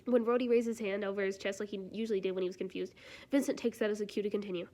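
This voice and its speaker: A woman's voice: mid-range voice, steady tone, racing, warm tone. Woman streamer reading a fanfic live, chatty, exclaims a lot at the story. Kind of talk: live reading and reacting to fan fiction.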